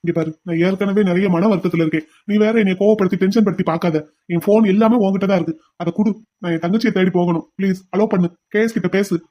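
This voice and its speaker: A performer voicing a hot-tempered man in a cartoon drama, shouting at some moments and pleading tearfully at others. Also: medium pitch, steady tone, fast, few pauses, muffled recording, close to an everyday voice. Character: hot-tempered man, desperate brother turned penitent. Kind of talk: cartoon voice acting.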